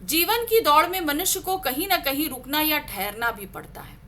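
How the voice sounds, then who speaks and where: A woman's voice: high-pitched, lively intonation, normal speed, a bit bright. A woman teaching a Hindi grammar lesson, often checking in with her listeners and acting out example sentences in different tones. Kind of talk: classroom-style lesson explanation.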